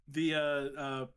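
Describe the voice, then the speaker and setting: A man's voice: a little high, a bit bright, clear, resonant tone. American man in his thirties, casual co-host. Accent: standard American. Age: 30s. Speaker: podcast co-host. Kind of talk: casual chat.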